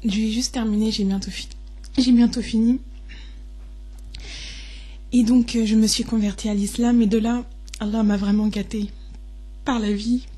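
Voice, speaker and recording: A woman in her twenties giving a personal testimony, hesitant and deeply moved, often pausing and restarting. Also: level tone, dark tone. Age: 20s.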